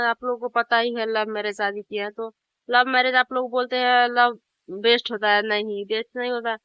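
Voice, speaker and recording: A woman's voice: a little high, smooth, no room sound, highs cut off. A woman vlogger venting to camera in an angry, bitter way, trading insults and pleas.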